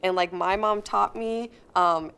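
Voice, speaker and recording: A woman's voice: mid-range voice, steady tone, unhurried, creaky, a bit bright, a little hiss or hum. A woman, a game contestant, talking in a chatty way with many fillers. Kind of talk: casual talk.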